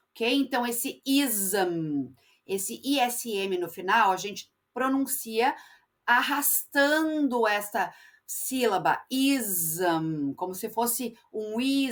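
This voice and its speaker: A woman English teacher explaining step by step, stretching out example words and often checking in with her students. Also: on the high side. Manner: frequent checking tags like "tá?" and "né?". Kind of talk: classroom explanation.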